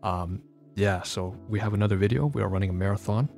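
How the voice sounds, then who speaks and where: A man streams a casual vlog from his phone, rambling with lots of fillers and restarts and sounding congested. His voice is low, fast, gravelly and darkish, with faint music in the background.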